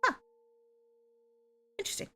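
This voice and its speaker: A woman's voice: unhurried, pushed and bright. A young woman chatting casually on her stream, giggling and laughing often between sentences. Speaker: VTuber streamer.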